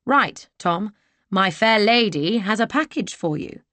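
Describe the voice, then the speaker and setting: A woman voicing a sly, mocking young gentleman villain for an audiobook. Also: mid-range voice, expressive, a little slow, dry recording, pitched above the performer's own voice. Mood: smug. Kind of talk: audiobook character voice.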